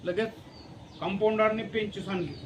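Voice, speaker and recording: A man, a father, telling a comic story in an animated way and laughing at his own punchlines. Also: sits high, normal speed, background noise.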